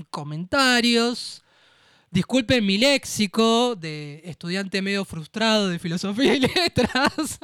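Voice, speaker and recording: A man's voice: high-pitched, fairly bright tone, clear, resonant tone, no room sound, clean studio sound. A young man with a Rioplatense Argentine accent, co-hosting a literary radio show, giving a hesitant book commentary full of restarts. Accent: Rioplatense Argentine Spanish. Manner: hesitant, repeats and restarts words.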